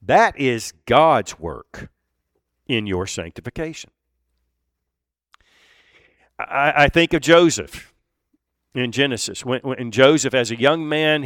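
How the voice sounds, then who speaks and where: A man preaching a sermon, earnest and deliberate, with pauses and emphatic repeats. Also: mid-range voice, expressive, fairly bright tone, dry recording, studio quality. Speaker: pastor.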